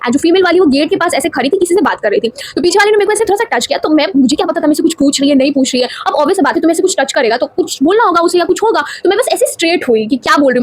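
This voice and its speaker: A teenage woman vlogging from India in casual chat, telling her story in an animated way and mixing in English words. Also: high voice, no room sound. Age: teens. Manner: rapid, animated storytelling with frequent Hindi-English code-mixing.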